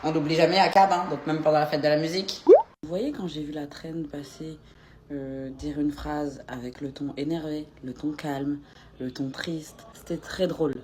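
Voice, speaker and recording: Woman vlogger, low voice, heated activist commentary straight to camera. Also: fairly even intonation, moderate pace, background noise. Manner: impassioned, militant ranting to viewers. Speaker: content creator. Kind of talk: commentary vlog.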